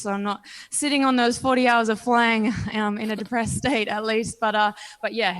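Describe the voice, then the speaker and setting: Fairly high in pitch and fairly bright in tone, this Australian-accented woman in her twenties is a pro fighter giving frank, self-assured, relaxed answers in a post-fight interview.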